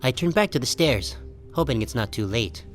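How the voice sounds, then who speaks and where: In a scripted first-person audiobook, a man voices a wary, resentful sheep who is both narrator and protagonist of his own story. His mid-range voice is expressive and lightly acted, at normal speed, with a wry, tense, guarded tone. Faint music plays in the background.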